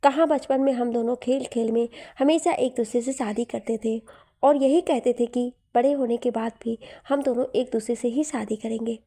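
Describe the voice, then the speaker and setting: A woman's voice: on the high side, steady tone, normal speed, dark tone. A woman voicing a playful young man who teases his childhood friend, in a storybook reading. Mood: teasing. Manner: playful, teasing.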